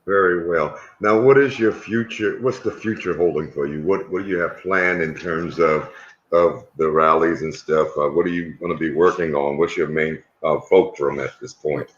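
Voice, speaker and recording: A man's voice: extremely low pitch, moderate pace, dull audio. A man hosting an interview, asking questions in a rambling, restarting way. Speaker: interview host.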